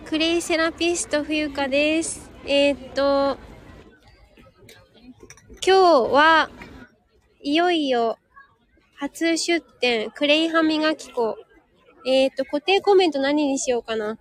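A woman's voice: high-pitched, slow, long pauses. A woman live streaming from an outdoor market stall, chatting to listeners and serving customers in a polite, welcoming customer-service voice. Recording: busy outdoor crowd noise behind. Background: crowd chatter.

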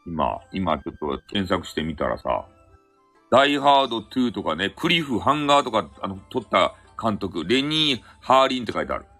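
A man's voice: fairly low pitch, very animated, normal speed, a bit bright, soft background music. A man with a Hakata dialect hosting a casual solo live audio chat, rambling and correcting himself, with chuckles along the way. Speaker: live audio stream host.

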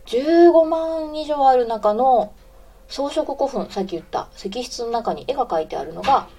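A woman of about forty from Osaka hosts a casual live audio stream in a warm Kansai accent. Her voice is mellow and relaxed, and she giggles often and breaks off her talk to greet listeners. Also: high voice, normal speed. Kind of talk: casual live radio chat, reading listener comments.

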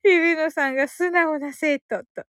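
A high-voiced woman chats casually to her live-stream listeners, bubbly and quick to laugh as she reads their comments aloud. The sound is dry and close, with no room around her. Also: steady tone, fairly bright tone, dry recording. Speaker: host of a live audio broadcast.

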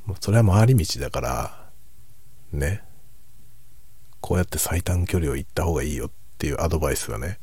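Hushed, husky, very low-pitched man. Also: no echo. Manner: reflective, musing, unhurried soft-spoken delivery. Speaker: host of a late-night chat for falling asleep. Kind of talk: hushed, low-voiced casual late-night chat.

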